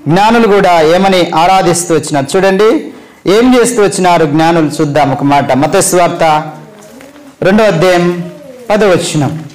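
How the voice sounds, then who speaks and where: A man's voice: high voice, normal speed, poor audio. A man preaching a Christmas sermon, emphatically asking the congregation questions and answering them himself, repeating phrases for stress. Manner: repeats phrases for emphasis, voice rising then dropping at line ends.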